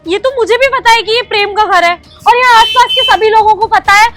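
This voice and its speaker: A woman's voice: extremely high pitch, fairly quick, a bit bright, faint music behind. A woman playing a sneering snobbish young woman. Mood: contemptuous. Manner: sneering, scornful, insulting. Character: rude, snobbish young fiancée, contemptuous.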